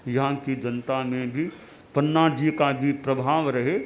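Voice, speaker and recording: A man giving a sermon as a spiritual teacher, telling a parable in an unhurried storytelling manner. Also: mid-range voice, fairly even intonation. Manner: unhurried, storytelling with acted dialogue.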